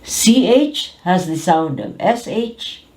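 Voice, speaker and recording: Older woman, patient pronunciation teacher, low-ish voice, deliberate over-articulated drilling. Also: expressive, darkish tone.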